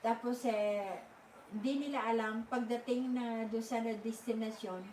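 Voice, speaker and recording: An older woman tells a story in a slow, halting way, stopping often to search for words. Her voice sounds distant from the mic, in an echoey room with faint ambience behind her. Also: fairly high pitch, steady tone, a little mellow, a little hiss or hum. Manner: halting, many fillers and restarts. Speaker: live stream host. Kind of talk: casual storytelling.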